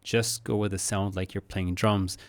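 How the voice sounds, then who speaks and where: A man teaching English pronunciation who says he is sick, with a rough, gravelly voice, reading model sentences aloud slowly and clearly. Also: deep voice, flat delivery. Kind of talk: online pronunciation lesson.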